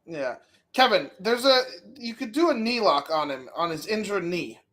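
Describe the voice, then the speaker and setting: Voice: medium pitch, expressive, moderate pace, a bit bright. A co-host chatting casually during a watch-along, playfully calling out to the wrestlers on screen. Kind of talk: casual chat.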